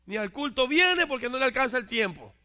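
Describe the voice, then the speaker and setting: A male preacher delivering a sermon, emphatic, swinging from loud declarations to hushed asides and often asking his listeners for agreement. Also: extremely high pitch, big pitch swings, a little fast. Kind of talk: Spanish-language church sermon.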